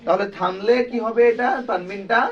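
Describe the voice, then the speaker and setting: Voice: mid-range voice, steady tone, normal speed, vocal fry, crowd noise. Quran teacher, classroom drill style, call-and-response, muffled distant recording over a chattering class. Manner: drills students with repeated questions and call-and-response. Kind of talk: classroom lesson. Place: classroom with students.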